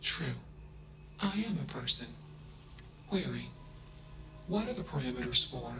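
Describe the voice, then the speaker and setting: A man voicing an emotionless male AI that speaks in flat, clipped keywords, in video game dialogue with an echo and music underneath. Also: medium pitch, measured pace, gravelly, exaggerated voice. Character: emotionless male AI mind, cold and literal. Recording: echoey game audio over music.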